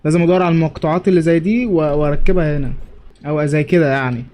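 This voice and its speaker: A man's voice: fairly high pitch, racing, a little mellow, faint music behind. A young man with an Egyptian Arabic accent, commenting on his game playthrough in a jokey way and talking back to the characters. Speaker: gamer. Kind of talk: let's play commentary.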